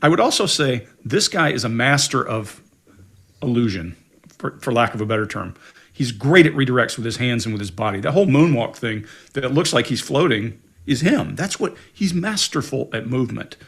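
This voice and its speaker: Dude on a panel talking deception cues, chatty and emphatic, middle pitch. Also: male voice, lively intonation, moderate pace, creaky, a bit bright, breathy edge. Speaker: body language analyst. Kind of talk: panel video analysis.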